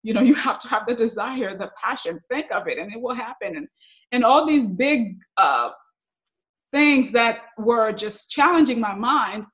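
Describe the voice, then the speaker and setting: A woman from Haiti, a success coach, telling her life story as a guest in an interview, laughing often and pausing with fillers. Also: on the high side, expressive, fairly bright tone, muffled recording. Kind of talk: interview conversation.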